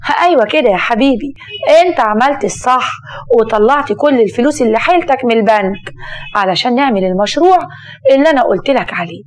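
A woman voicing a brazen young female con artist, talking in a sly, cajoling, sharp-tongued way. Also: a little high, animated, fast, slight background noise, natural voice.

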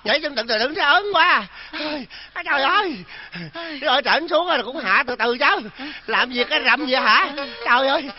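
A man's voice: extremely high pitch, expressive, normal speed, hardly any pauses, muffled recording, over music. An actor playing a grumpy older father, bickering and exclaiming in a stage comedy. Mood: quarrelsome. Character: grumpy old southern father, blustering.

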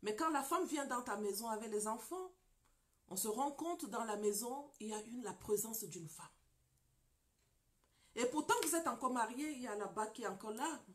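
A woman's voice: a little high, expressive, moderate pace. A woman pastor giving an emphatic sermon testimony, telling a story with acted quotes and at times dropping to a whisper. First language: French-speaking, broken English. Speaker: pastor and marriage counselor.

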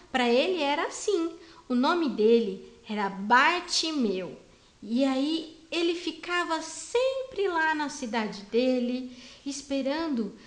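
A woman teaching a Bible lesson to small children, talking gently and simply. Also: sits high, roomy sound. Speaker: Sunday school teacher.

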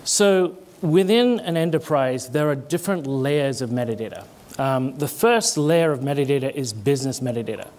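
A middle-aged man from Britain speaks on stage at a conference through a headset mic, his British accent carrying an American twang. His mid-range voice is expressive and somewhat dark, moving at a normal speed. He talks conversationally, gesturing as he explains and restarting words.

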